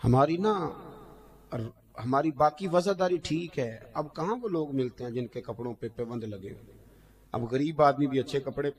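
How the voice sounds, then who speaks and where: A male preacher, delivering an impassioned sermon that swings between loud outbursts and hushed asides. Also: mid-range voice, moderate pace. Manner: chants verse in a sung tone. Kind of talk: Islamic sermon.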